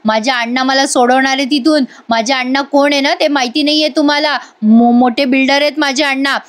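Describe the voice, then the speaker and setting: A woman reading the part of a jailed young woman, defiant, shouting threats, high voice. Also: steady tone, brisk, natural voice. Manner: shouting threats, boasting of her father.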